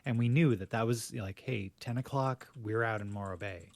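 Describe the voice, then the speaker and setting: A middle-aged man with a fairly low voice rambles through stories on a podcast, stopping and restarting his sentences and laughing as he goes. The sound is dry and close, with no room around it. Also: brisk, darkish tone, no room sound. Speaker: podcast co-host. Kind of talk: casual chat.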